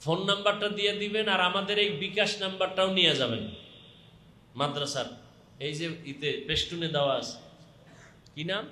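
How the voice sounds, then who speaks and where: Casting: Bangladeshi male preacher, high-pitched and piercing, running a donation appeal with repeated urging and blessings, echoey PA. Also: fairly even intonation, fairly quick, long pauses, bright, forceful tone, slight background noise. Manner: urging, repetitive calls to the crowd. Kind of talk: live religious fundraising appeal, calling out donations with short blessings. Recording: echoing public-address sound.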